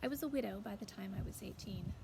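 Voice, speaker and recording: A woman's voice: medium pitch, fast talker, lightly acted. A woman reading first-person fiction as an unrepentant young rural widow, with a wry, matter-of-fact telling. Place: outdoors in a backyard. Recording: clear outdoor background noise.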